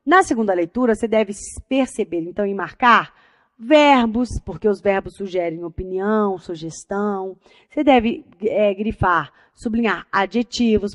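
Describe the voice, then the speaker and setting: A woman teacher with a Brazilian accent giving an energetic, chatty lecture and addressing her students as a group. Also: mid-range voice, no room sound, clean studio sound. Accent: Brazilian Portuguese. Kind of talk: lively classroom lecture.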